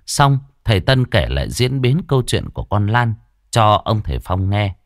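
A man's voice: on the low side, big pitch swings, moderate pace, no echo, studio quality. A man narrating a story expressively, in a dramatic and varied way. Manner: dramatic, varied delivery, voicing the characters.

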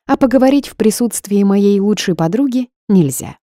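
A woman's voice: lively intonation, moderate pace, no echo, clean studio sound, lightly acted. A woman voicing a fiery, indignant young pregnant heroine in an audiobook. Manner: loud, sharp, high outbursts.

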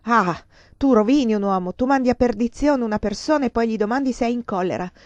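A woman reading aloud, voicing a ruined, desperate man who shouts bitter accusations. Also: medium pitch, animated, normal speed, dry recording, close to an everyday voice. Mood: furious. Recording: dull lo-fi dry recording.

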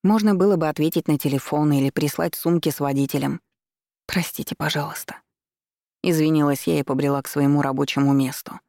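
A woman narrating a first-person audiobook in a steady, measured way. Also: sits low, no room sound, clean studio sound.

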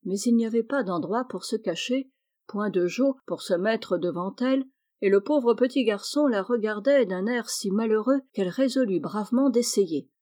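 Woman, audiobook reader, mellow tone, expressive storybook narration. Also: medium pitch, moderate pace. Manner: expressive, lifts her voice for characters.

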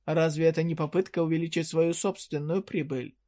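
A man's voice: a little high, steady tone, a little fast, warm tone, lightly acted. A narrator voicing a young male fantasy hero, close to the narrating voice, with dry, blunt retorts. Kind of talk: audiobook character reading.

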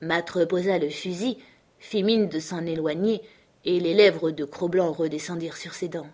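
A woman narrating a classic novel as an audiobook, in a steady, measured storytelling manner. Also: on the low side. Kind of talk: literary narration.

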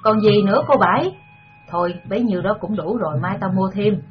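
A woman's voice: medium pitch, brisk, natural voice. A woman voicing a young countrywoman with a bossy, exclaiming manner. Muffled sound with music behind. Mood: scolding. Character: young countrywoman, lively and scolding.

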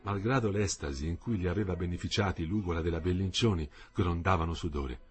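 A man narrating a literary novel in a measured, even reading. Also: deep voice, slightly rough, faint music behind. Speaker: audiobook narrator.

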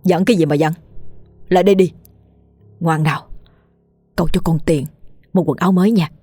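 A woman voicing a menacing middle-aged uncle who talks low and coaxing. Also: fairly even intonation, a little fast, warm tone, breathy edge, no room sound, soft background music. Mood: pushy.

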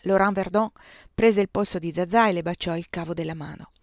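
A woman reading a novel aloud in soft, measured narration. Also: on the low side, no echo, clean studio sound. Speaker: reader. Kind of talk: literary audiobook reading.

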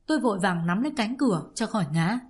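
A woman's voice: medium pitch, fast talker, soft background music. Woman reading a novel with feeling. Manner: emotional, expressive storytelling. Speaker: audiobook narrator.

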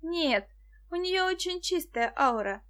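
Shy, earnest young girl read by a woman, high-pitched, audiobook style. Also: expressive, a little slow, a bit bright. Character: young girl Musya, shy but firm.

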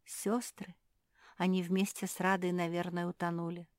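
A woman narrates a children's tale with expressive, lively reading. Her voice sits fairly low for a woman. The recording is dry and close, with no room sound. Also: moderate pace, dry recording. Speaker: audiobook narrator.

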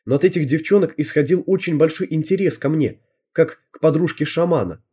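Husky, mellow male audiobook narrator. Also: on the high side, fairly quick. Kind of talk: first-person novel narration.

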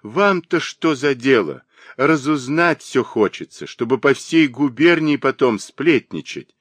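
A man's voice: mid-range voice, lively intonation, unhurried, a bit bright, dry recording. A man voicing a hurt and indignant young servant girl in an audiobook. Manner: pained, indignant.

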